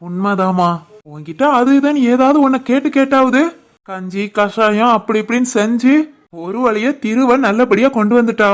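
A woman's voice: on the high side, normal speed, close to an everyday voice. Woman doing a doting, playful cartoon husband. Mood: proud. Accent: southern Tamil Nadu. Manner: playful flirting. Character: doting middle-aged husband and father, playful.

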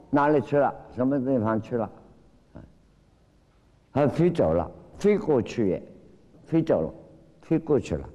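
Low-voiced man lecturing in a reverberant hall. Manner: animated storytelling, acts out quoted cries; frequent drawn-out fillers. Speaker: Buddhist teacher. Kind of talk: lecture retelling a Zen story.

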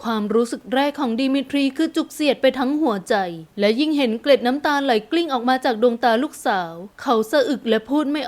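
Audiobook narrator, woman, high voice, smooth, even storytelling. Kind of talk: scripted narration.

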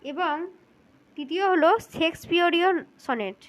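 A woman with a very high voice talks through exam answers as a spoken lesson. She works methodically, repeating each key point and speaking directly to the listener. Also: lively intonation, moderate pace. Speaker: teacher for exam interview prep.

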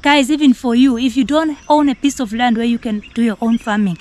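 A woman's voice: on the high side, fairly even intonation, brisk, darkish tone. A middle-aged woman co-hosting an outdoor commentary to camera, earnest and emphatic with repeated phrases. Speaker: co-host. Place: outdoors in a leafy garden.

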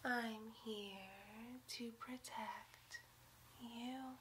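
A woman in a soft, breathy ASMR role-play as a gentle, protective circus clown ringleader, speaking in a soothing, hypnotic way. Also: a little high, steady tone, slight background noise. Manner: soothing, hypnotic, drawn-out phrases. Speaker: ASMR performer. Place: indoors against a plain wall, close to the camera.

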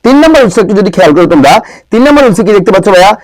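A young man from Bangladesh teaching an exam-prep grammar lesson, drilling pronunciation with constant rhetorical questions and repeating words slowly for emphasis. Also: high voice, very animated, dry recording, low-quality recording.

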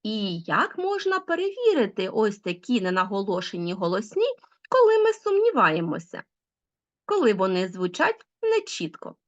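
Lively woman teacher, lo-fi sound. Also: mid-range voice, moderate pace. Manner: lively, explaining with rising emphasis. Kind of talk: online school lesson. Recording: dull lo-fi sound.

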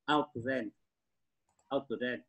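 Older man, Vietnamese accent, English learner, slow, halting repetitions, mid pitch. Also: fairly even intonation, fairly bright tone, poor audio. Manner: halting, repeats words slowly. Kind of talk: English pronunciation practice.

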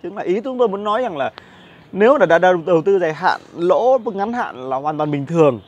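Chatty Vietnamese market commentator, slightly high. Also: male voice, expressive, brisk, muffled recording. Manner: chatty, many fillers and repeated words. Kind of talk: casual investment commentary. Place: outdoor cafe patio with plants. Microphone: lapel mic.

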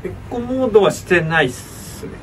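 A man's voice: high-pitched, animated, normal speed, distant mic, crowd noise, poor audio. A young man in his twenties performing comedy sketch dialogue as a polite, deferential junior employee who keeps apologising.

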